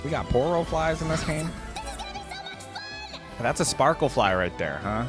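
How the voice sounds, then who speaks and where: A man's voice, on the high side and sing-song, moves at an unhurried pace as he hosts a reaction video. He chats directly and enthusiastically with viewers, calling them "guys," while music plays underneath.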